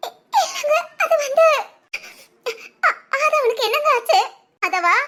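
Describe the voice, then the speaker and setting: A woman's voice: extremely high pitch, expressive, slow pace, sharp tone, exaggerated voice. A woman voicing a timid young wife in a cartoon, apologetic and stammering with nervous laughs. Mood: pleading. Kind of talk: cartoon voice acting.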